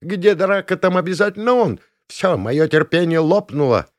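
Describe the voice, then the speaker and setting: A shrill, booming middle-aged warden lady, as a male storyteller puts her on, furious and scolding at the top of her voice. Her voice sits far above his own, in a dry, close audiobook recording. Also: expressive, normal speed, no room sound. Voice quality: strident, shouting.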